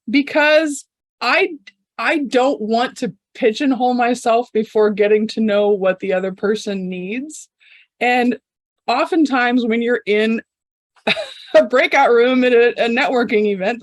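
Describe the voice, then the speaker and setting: Higher-voiced woman asking a question on a call. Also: no room sound, clean studio sound. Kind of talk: casual question on a video call.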